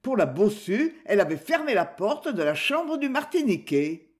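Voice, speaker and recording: A reader voicing an elderly woman who calmly confesses to her killings in an audiobook crime story. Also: mid-range voice, normal speed, lightly acted. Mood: cold. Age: older. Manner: cold, matter-of-fact confession.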